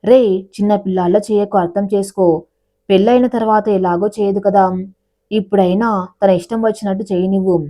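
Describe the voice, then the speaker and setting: A woman's voice: medium pitch, fairly even intonation, moderate pace, warm tone, lightly acted. A woman voicing a middle-aged man who bluntly advises his friend. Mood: advising.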